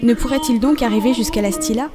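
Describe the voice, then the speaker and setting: Over background music, a female narrator tells a classic novel in a steady, expressive storytelling style. Her pitch sits fairly high.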